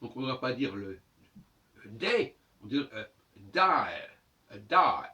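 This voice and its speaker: A man lectures in a lively, rising-and-falling voice, sounding out each word several times. He is caught by a mic set a fair distance off, and the audio is dull and muffled. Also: mid-range voice, normal speed. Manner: didactic, repeats words to sound them out. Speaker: lecturer on language and astrology. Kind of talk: spoken monologue lesson.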